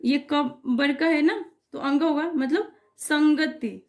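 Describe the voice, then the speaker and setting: Here a woman teaches grammar in a high, steady voice, moving slowly and patiently from one example to the next. Again and again she checks in with her students, saying things like "okay" and "clear?"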